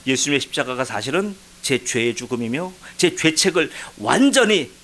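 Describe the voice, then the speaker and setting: A man pastor preaching a sermon as a personal testimony, his voice shifting from hushed reflection to loud, pleading cries. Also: medium pitch, sing-song, normal speed, slight background noise, rough recording. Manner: emotional testimony, swings from quiet to loud pleading. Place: church sanctuary.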